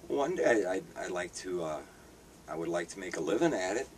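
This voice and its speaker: Speaking low and fairly quickly with a darkish tone and lively intonation, this man is a street paper vendor and artist from Hungary in his fifties. He hesitates through interview answers, full of fillers and restarts, on a distant mic with faint background noise.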